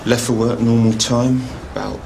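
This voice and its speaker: An actor playing a resentful boyfriend under questioning, with a British accent, in a TV drama. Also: male voice, mid-range voice, level tone, moderate pace, vocal fry, darkish tone, a little hiss or hum, lightly acted. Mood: guarded. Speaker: victim's boyfriend. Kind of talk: British TV police drama acting.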